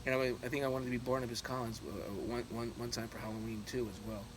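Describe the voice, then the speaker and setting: A middle-aged man with a mid-range voice talks casually to his channel's viewers. His delivery is halting and loosely anecdotal, often circling back on itself. There is clear ambient noise behind him. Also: medium pitch. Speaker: YouTube channel host. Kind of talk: casual rambling chat to viewers. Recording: clearly noisy, steady background ambience.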